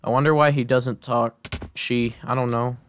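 A man's voice: medium pitch, fairly even intonation, moderate pace, fairly bright tone, slight background noise. A man playing Minecraft with a friend, joking and reacting casually as he plays. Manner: joking, playful, mutters reactions to the game. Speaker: Minecraft server player, channel host. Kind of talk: casual gaming chat.

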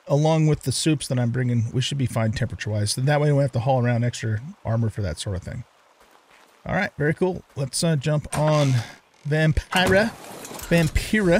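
A man's voice: mid-range voice, a little mellow, slight background noise. An older man hosting a let's play, chatting casually and thinking aloud with lots of fillers as he plays. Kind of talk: casual gameplay commentary.

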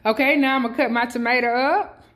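A woman's voice: on the high side, steady tone, fast talker, a bit bright. A woman chatting casually to viewers while she cooks in her home kitchen, filming on a phone in one hand. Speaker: cooking vlogger. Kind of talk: casual cooking chat. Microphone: phone camera held in one hand. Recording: noisy home kitchen, pan sizzling.

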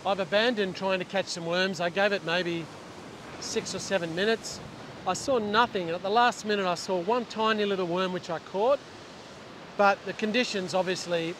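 An Australian man with a fairly high voice chats about fishing on an open ocean beach, recorded on a clip-on lapel mic. He's a fishing channel host making a casual instructional vlog, chatting and explaining as he works and often restarting sentences. Loud surf and wind roar behind him, with waves crashing throughout.

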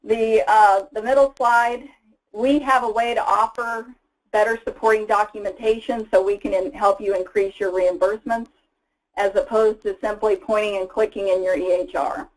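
Woman, webinar presenter, mid pitch, casual explanatory delivery, fillers. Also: steady tone, moderate pace, low-quality recording. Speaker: product presenter. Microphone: voice-over for slides.

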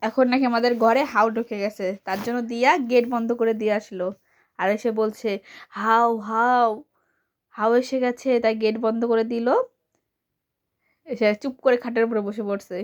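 A woman filming her young daughter at home at night, talking to her in a playful, coaxing, hushed way. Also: fairly high pitch. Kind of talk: casual home video chat with a child.

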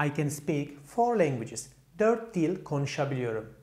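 In an echoey space, a man whose voice sits on the high side, lively and a little mellow, explains English grammar to Turkish speakers one step at a time at ordinary speed. Questions he puts to students get answered by him, and his English examples carry a Turkish accent.

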